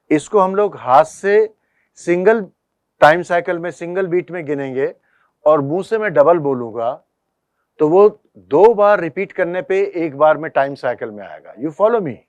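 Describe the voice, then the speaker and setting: A man's voice: fairly high pitch, a little mellow, dry recording. A man teaching a tabla class, patiently explaining rhythm cycles and counting beats aloud. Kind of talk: online music lesson.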